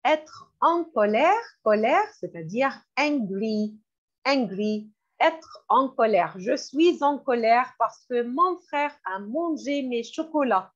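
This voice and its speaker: Slow, lively woman teaching French. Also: fairly high pitch. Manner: slow, repeats each word and glosses it in English. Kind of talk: classroom vocabulary lesson. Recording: dull lo-fi recording.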